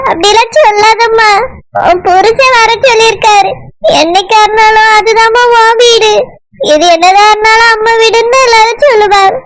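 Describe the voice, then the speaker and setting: A woman's voice: very high-pitched, heavy background noise. A woman voicing a grieving middle-aged village mother in a cartoon, with a Kanyakumari Tamil accent and a tearful, pleading manner.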